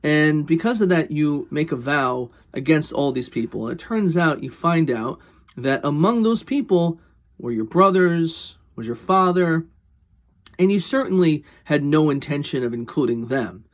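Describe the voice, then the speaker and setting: Questioning rabbi, slightly high-voiced man. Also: expressive, a little slow. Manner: questioning, posing rhetorical questions and answering them. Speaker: rabbi teaching a Talmud lesson. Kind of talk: explanatory religious lesson.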